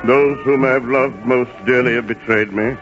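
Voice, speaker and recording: A man's voice: medium pitch, fairly even intonation, normal speed, over music, lightly acted. An actor playing a paranoid, cruel, scheming king in a theatrical, confiding manner of 1940s radio drama. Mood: bitter. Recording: muffled 1940s radio broadcast recording.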